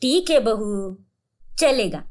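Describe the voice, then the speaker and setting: A woman's voice: on the high side, lively intonation, slow, voice pushed down. A woman voicing a strict, traditional mother-in-law who gives orders and scolds in a cartoon story. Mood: indulgent. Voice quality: scolding, commanding.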